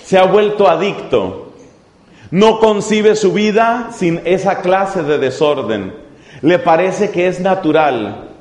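A man preaching a sermon, speaking deliberately and repeating key phrases for emphasis. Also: high-pitched, lively intonation, darkish tone. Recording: echoey hall, long reverb.

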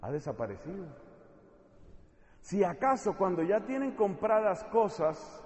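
A man preaching a sermon with passion, moving between loud pleading and hushed questions. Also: sits high. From not from Spain. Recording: echoey hall with long reverb.

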